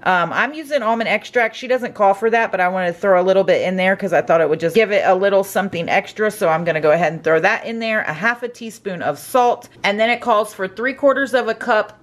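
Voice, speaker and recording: Talking fast with barely a pause, a middle-aged woman in a mid-range voice walks through her home cooking step by step. It's an upbeat, chatty voice-over from a cooking vlogger in her home kitchen.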